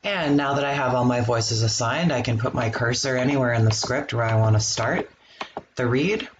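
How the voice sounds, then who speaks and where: A man hosting a screen-recorded software walkthrough, explaining each step in a relaxed way with the odd um. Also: medium pitch, moderate pace, highs cut off, slight background noise. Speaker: software tutorial host.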